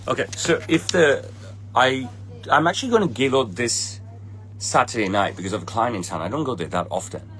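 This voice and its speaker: A tailor in his forties with a Hong Kong English accent replies to livestream viewers, blunt, impatient, and swearing at commenters. His mid-range voice is expressive, a little fast, and a bit bright. The low-quality recording has slight background noise, and trophies stand behind him indoors.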